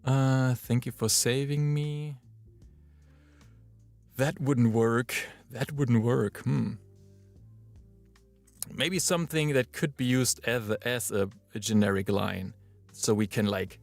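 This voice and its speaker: A male voice actor, chatting and thinking out loud during a live-streamed recording session in his booth. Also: mid-range voice, takes it slowly, vocal fry, pauses often, no echo, faint music behind. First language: German. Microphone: booth microphone.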